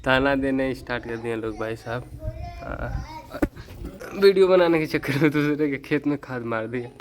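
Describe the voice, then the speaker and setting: A man's voice: mid-range voice, moderate pace, slight background noise. A young man from northern India talking casually to camera in a vlog, rueful and self-mocking, often calling his viewers "brother". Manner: rueful, self-mocking, chatty, says "bhai sahab" often. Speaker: vlogger. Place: outdoors in farm fields, then at home.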